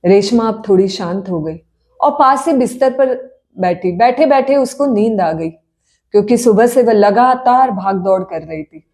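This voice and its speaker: Mellow-voiced woman telling a story. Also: on the high side, expressive, a little slow. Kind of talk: story narration.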